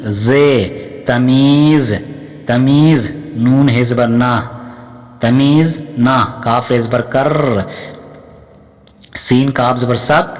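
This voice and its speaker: A man with a Pakistani accent teaches Urdu reading, sounding out each word letter by letter at a very slow pace. He stretches the syllables and repeats each word. His voice sits at a middling pitch and carries a long reverb, as if in a hall. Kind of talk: spelling out words letter by letter.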